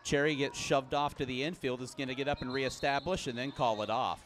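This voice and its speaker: A man calls the action as a play-by-play commentator, voice sitting at an ordinary middle pitch. His calls are brisk and matter-of-fact, then spring upward in pitch and volume when a big play happens. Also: steady tone, fairly bright tone, slight background noise. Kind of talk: live sports commentary.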